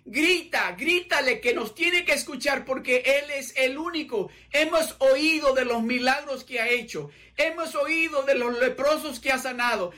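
A man's voice: extremely high pitch, measured pace, few pauses, bright, forceful tone, pitched above the performer's own voice, heavily acted. A man preaching acts out two blind male beggars urging each other to cry out for mercy, in a rising, pleading voice. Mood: desperate pleading.

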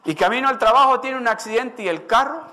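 A man's voice: very high voice, quick pace, sharp tone. A male pastor preaching an emphatic sermon, asking the congregation questions and acting out scripture.

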